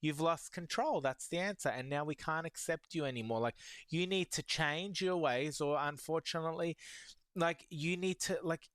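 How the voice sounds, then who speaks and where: A man hosting an anime reaction, talking casually and excitably to his viewers, rambling with many restarts. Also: fairly high pitch, moderate pace, no echo. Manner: excitable, talks to viewers as "guys".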